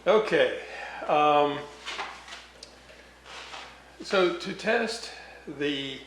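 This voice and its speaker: Speaking very slowly in a slightly high, animated, a bit bright voice, a man narrates his hands-on repair work. He's a radio repair hobbyist and video host in an indoor workshop, casually thinking aloud without a script. The recording has roomy echo and noticeable background noise.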